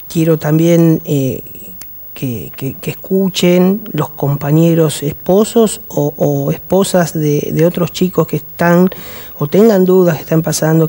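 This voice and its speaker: Give me a man guest talking reflectively, with a warm, dark tone and frequent pauses. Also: on the high side. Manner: halting, with many restarts and pauses. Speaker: guest, husband of the interviewee. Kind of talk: reflective TV interview talk.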